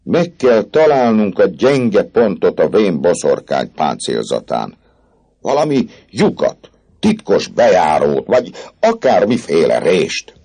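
Man voicing deliberate older outlaw chief, gravelly and low. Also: very animated, warm tone, heavily acted. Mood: cautious.

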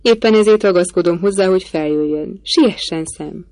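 A woman's voice: on the low side, a little mellow, dry recording, natural voice. A woman voicing a haughty, proud young noblewoman in an audiobook, cool and disdainful. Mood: insistent.

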